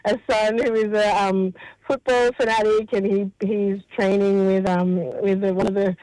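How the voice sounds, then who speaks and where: A woman's voice: medium pitch, little pitch movement, moderate pace, darkish tone, no room sound, poor audio. Woman, 40s, radio interview guest on the phone, dry and chatty. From born in Mauritius, raised in Australia. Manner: chatty, with frequent ums and restarts. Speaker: charity representative guest. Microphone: telephone.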